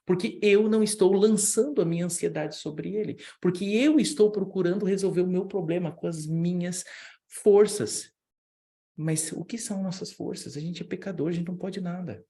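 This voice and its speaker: Lively Brazilian man preaching. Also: moderate pace, gravelly. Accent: Brazilian Portuguese. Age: young adult. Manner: lively storytelling, acts out dialogue with big pitch jumps. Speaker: youth week speaker. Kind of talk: sermon with personal story.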